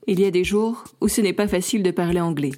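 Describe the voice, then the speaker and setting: A woman's voice: on the low side, steady tone, fast, dark tone, faint music behind, natural voice. A woman reading a first-person story as a young French woman newly moved to Canada, earnest and lightly self-mocking.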